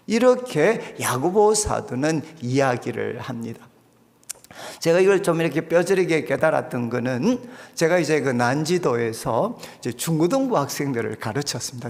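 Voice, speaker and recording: A middle-aged male pastor preaching a sermon in a church, telling a personal story and swinging between loud emphasis and quiet asides. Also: a little high. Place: church sanctuary. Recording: long hall reverb.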